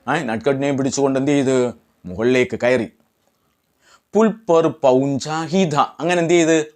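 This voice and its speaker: A man teaching a lesson, translating line by line and asking questions that he answers himself. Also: medium pitch. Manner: translates phrase by phrase, repeating words. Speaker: Hindi tutor.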